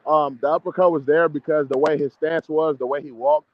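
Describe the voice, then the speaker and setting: Speaking a little fast with fairly even intonation, a mid-20s amateur boxer from the DC-Maryland-Virginia area chats casually in an interview. His American-accented voice is a little high, and he uses slangy, confident, emphatic phrases that he repeats. The recording has no echo, but its highs are cut off.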